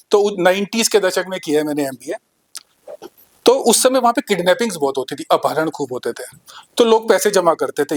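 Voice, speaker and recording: A man in his fifties telling conversational stand-up comedy anecdotes on stage into a handheld mic. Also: high-pitched.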